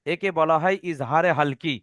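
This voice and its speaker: Man, tajweed teacher, high voice, patient and repetitive, dry close sound. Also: normal speed, a bit bright, no echo. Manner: patient, repeats rules and asks if students follow. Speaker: Quran recitation teacher. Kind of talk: online tajweed lesson.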